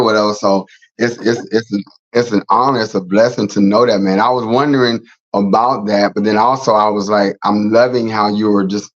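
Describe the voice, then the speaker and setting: A middle-aged man with a low voice hosts a casual faith talk show. He rambles, repeats himself and restarts his sentences. The recording sounds slightly dull and lo-fi. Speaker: host.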